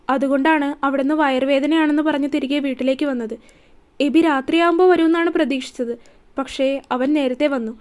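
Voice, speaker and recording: A woman reads a serialized romance story aloud. Her voice is high and light. She keeps a steady, even storytelling pace.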